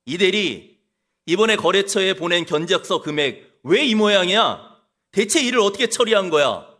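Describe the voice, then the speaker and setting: A man's voice: high voice, animated, normal speed, bright, forceful tone, exaggerated voice. A preacher acting out an irritated team leader scolding his employee and blaming him.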